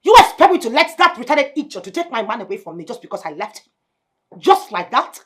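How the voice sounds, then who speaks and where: A haughty scheming wife. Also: female voice, on the high side, big pitch swings, brisk. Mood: scornful. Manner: mocking, sharp-tongued, rising to shouts. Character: scheming, haughty estranged wife, possessive and scornful. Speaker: estranged wife.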